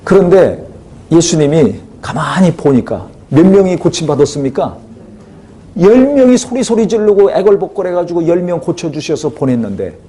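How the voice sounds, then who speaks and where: A man's voice: a little high, dark tone. A male pastor preaching a sermon, putting rhetorical questions to the congregation.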